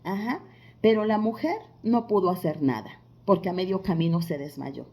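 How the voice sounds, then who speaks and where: A woman's voice: lowish voice, animated, mellow. Chatty woman teaching the Bible. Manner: conversational, rhetorical questions to listeners; frequent filler pauses. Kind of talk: devotional Bible lesson.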